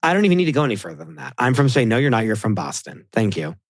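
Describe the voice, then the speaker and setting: A man's voice: medium pitch, sing-song, rapid-fire, no echo. Chatty man gossiping, dry sound. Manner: rambling, heavy use of "like", acts out others' voices. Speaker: podcast co-host and TV producer, guest. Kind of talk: casual gossipy chat.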